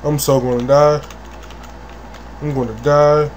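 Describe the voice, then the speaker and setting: Foul-mouthed man yelling over a game. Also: a little high, level tone, unhurried, highs cut off, slight background noise. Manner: crude, profane, with sudden loud outbursts. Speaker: gaming channel host. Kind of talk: let's play commentary.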